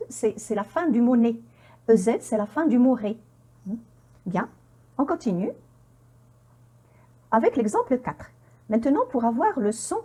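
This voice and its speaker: Slow, lively-pitched woman teaching pronunciation. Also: breathy edge. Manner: repeats words slowly for learners and quizzes the viewer; encouraging, with frequent "hein?" checks. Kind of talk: online language lesson.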